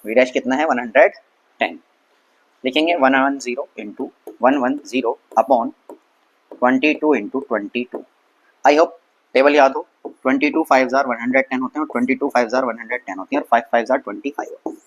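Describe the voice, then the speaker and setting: A man teaching a science lesson in a relaxed, chatty way, asking questions aloud and answering them himself, and reading English lines slowly. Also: medium pitch, highs cut off. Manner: conversational, asks and answers his own questions; mixes English terms and reads English text slowly. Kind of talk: casual Hindi science lesson.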